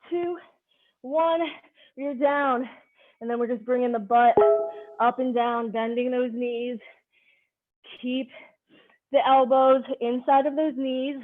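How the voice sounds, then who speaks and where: A woman leading a live online workout class, giving directive, short cues and counts as a fitness instructor. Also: high voice. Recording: narrow phone-like sound.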